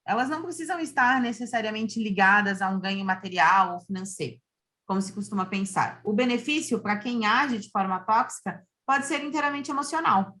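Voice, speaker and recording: A woman in her thirties from Santa Catarina, co-hosting a podcast in a lively manner, chatting and reading prepared segments. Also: mid-range voice, brisk. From Santa Catarina, Brazil. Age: 30s. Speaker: podcast co-host. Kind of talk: podcast chat and scripted reading.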